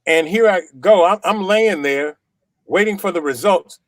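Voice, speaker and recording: A middle-aged man giving an animated personal testimony, repeating himself for effect and acting out the dialogue. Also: high voice, moderate pace, no room sound, clean studio sound. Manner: animated, repetitive storyteller; acts out quoted dialogue. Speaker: testimonial guest. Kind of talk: personal storytelling.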